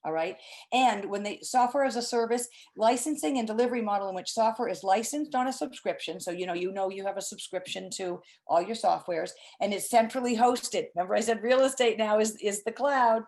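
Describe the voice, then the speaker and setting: A woman's voice: medium pitch, fairly quick, a little mellow. A middle-aged woman hosting an informal webinar, explaining things in an emphatic, chatty and effusive way. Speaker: host, presenter.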